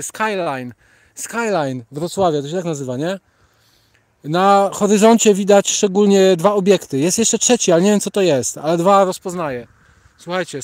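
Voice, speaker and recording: A man with a Polish accent and a high-pitched voice chats casually while walking along a city sidewalk at night. He rambles, reads out the names of viewers from the chat and greets them, talking into his phone. Traffic can be heard passing behind him. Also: darkish tone, no echo. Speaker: livestream host reading chat.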